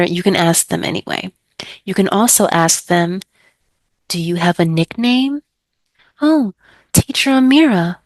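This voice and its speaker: Young American woman, ESL tutor giving chatty how-to tips; lower voice, dry sound. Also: no room sound. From United States. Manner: chatty, acts out student exchanges in a brighter voice. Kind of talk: teaching tips to other tutors.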